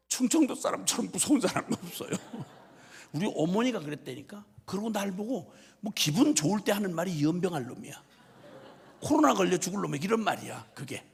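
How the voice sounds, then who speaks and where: A man preaches a revival sermon in a church, his high voice leaping up and down as he tells stories with humor and bits of mimicry. His tone is very husky and gravelly. The sound rings with the long reverb of a large church hall. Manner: animated storytelling with humor and mimicry. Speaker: missionary preacher. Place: church sanctuary.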